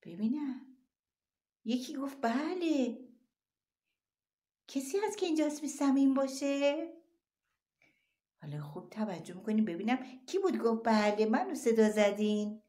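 A woman's voice: fairly high pitch, animated, long pauses, mellow, echoey room. A woman teaching young children their letters, drawing out sounds in a sing-song way in a classroom. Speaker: primary school teacher.

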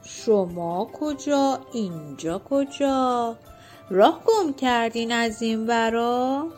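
A brash, pushy shopkeeper from a children's storybook who blurts out his proposal, as a woman puts him on. The voice stays fairly high and a bit slow, with music softly behind. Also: lightly acted. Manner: pushy, blunt. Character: blunt pushy male shopkeeper suitor.

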